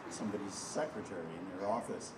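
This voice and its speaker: An older man, a filmmaker, introducing a screening to an audience with rambling anecdotes and frequent pauses. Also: deep voice, very noisy. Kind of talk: storytelling speech to an audience. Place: festival screening hall. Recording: echoey hall, from far off.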